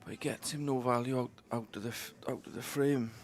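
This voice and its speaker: A Yorkshire-accented man co-commentates on pool, giving casual, blunt advice on which shot to take. His medium-pitched voice is steady and fairly quick.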